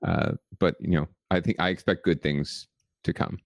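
Deep-voiced man in casual sports chat. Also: steady tone, moderate pace, dry recording, clean studio sound. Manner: conversational, many fillers and restarts, wry humor. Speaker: podcast co-host.

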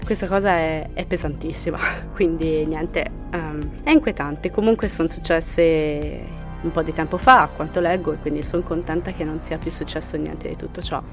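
A woman's voice: deep voice, steady tone, normal speed, hardly any pauses, music in the background. A woman hosting a podcast, reading listener horror stories and reacting with laughs, sometimes sinking to a whisper for the eerie parts. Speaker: podcast host.

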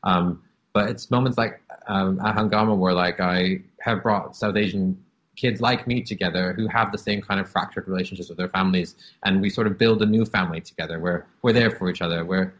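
This Canadian man in his thirties is an interview guest telling his life story openly and reflectively, full of "um"s and "like"s. His low voice has a fairly bright tone and fairly even intonation, and he speaks a little fast in this candid personal storytelling.

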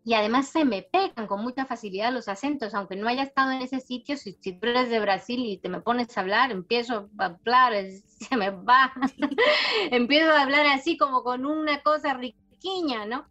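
Speaking at a normal speed in a slightly high, animated voice, this middle-aged author was born in Spain but grew up in Panama, giving her accent a blend of Spanish and Latin American tones. As an interview guest she replies thoughtfully, telling warm stories and frequently using tag questions. The audio is dull.

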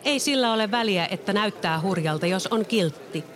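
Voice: lively intonation, a crowd in the background, close to an everyday voice. A reader voicing a brave, earnest little girl in a storybook. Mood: pleading, shouting. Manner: high, eager childlike delivery. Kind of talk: storybook reading.

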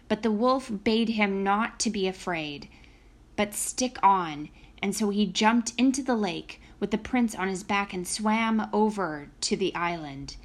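A woman narrates a fairy tale as a storyteller. Her delivery is expressive and unhurried, with a mid-range voice. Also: mid-range voice.

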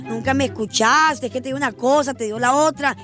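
A woman's voice: high-pitched, quick pace, music in the background, lightly acted. A woman voicing a complaining Catwoman wife with a Honduran accent in a radio comedy sketch. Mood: exasperated. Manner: whiny, exasperated complaining.

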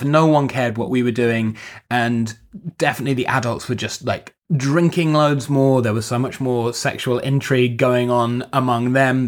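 Man, podcast co-host, relaxed, thoughtful, anecdotal, casual chat. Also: medium pitch. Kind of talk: casual book discussion.

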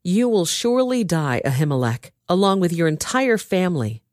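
A woman voicing a paranoid king who shouts accusations at his men. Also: medium pitch, animated, moderate pace, no room sound, clean studio sound, voice pushed up, close to an everyday voice. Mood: furious.

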